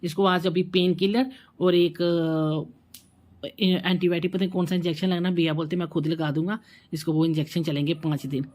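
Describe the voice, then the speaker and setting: A woman's voice: lowish voice, level tone, normal speed, a little mellow. A woman talking casually in a home vlog, chatty and emotional, often repeating herself. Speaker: vlogger.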